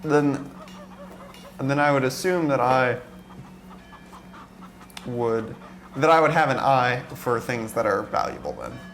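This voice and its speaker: Male player, relaxed and chatty, plans his moves aloud; mid pitch. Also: slow, long pauses, a little hiss or hum. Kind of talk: casual tabletop game play.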